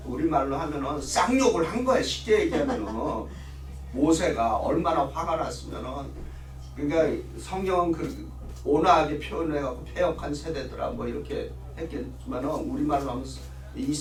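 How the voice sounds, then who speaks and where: Middle-aged guy teaching bible study, kinda high voice, asks the class stuff then answers it, mic a bit far off in an echoey room. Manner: asks the class questions and answers them himself. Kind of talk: church Bible study lecture. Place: church classroom.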